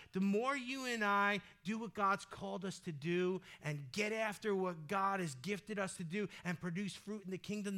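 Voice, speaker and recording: A male pastor preaching a sermon in a conversational, energetic way that breaks into loud exhortations. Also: high-pitched.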